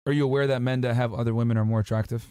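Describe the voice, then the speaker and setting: Blunt, fast-talking man quizzing guests. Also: mid-range voice, steady tone, mellow, clear, resonant tone, dry recording, studio quality. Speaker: podcast host. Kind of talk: confrontational debate on dating. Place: podcast studio.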